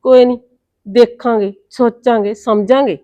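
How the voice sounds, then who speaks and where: An actress playing a feisty, sharp-tongued mother in a Punjabi short film, snapping back in a quarrel, with a Punjabi accent. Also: a little high, fairly even intonation, moderate pace, dry recording, lo-fi sound, natural voice. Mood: grudging. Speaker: mother of Reet.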